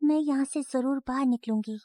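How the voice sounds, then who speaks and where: A woman's voice: high-pitched, fairly quick, dark tone, no echo, clean studio sound, close to an everyday voice. A young woman voicing a kidnapped college student who pleads urgently and defies her captors. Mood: defiant. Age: young adult. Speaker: dubbing actor. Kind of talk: Hindi drama dub.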